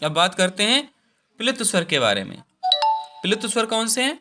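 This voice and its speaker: A man's voice: high voice, wildly swooping pitch, moderate pace, bright, forceful tone, faint music behind. A man teaching a Hindi grammar lesson, repeating each point and drawing out the vowel sounds.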